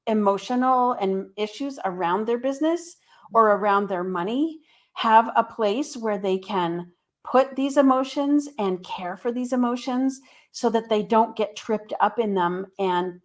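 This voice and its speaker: A middle-aged woman speaking as an interview guest and therapist, explaining things in a casual, conversational way. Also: medium pitch. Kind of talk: casual interview, telling a career story.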